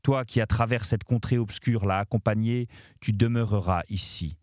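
Hostile demon chorus, read by a man: low, dark, slow. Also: fairly even intonation, dry recording, studio quality, natural voice. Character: crowd of angry male demons at a gate. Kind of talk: audiobook-style literary reading.

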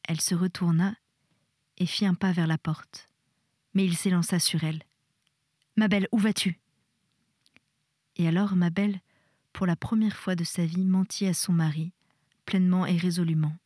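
A woman reading a novel aloud for radio in a steady, even narrating voice. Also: on the low side, moderate pace, no room sound, clean studio sound. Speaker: reader. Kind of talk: literary audiobook reading.

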